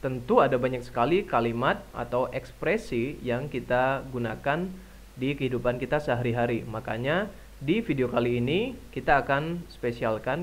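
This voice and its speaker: A man with an Indonesian accent teaching a language lesson, saying words slowly and repeating them for learners to echo. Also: mid-range voice. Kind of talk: slow, drilled language lesson.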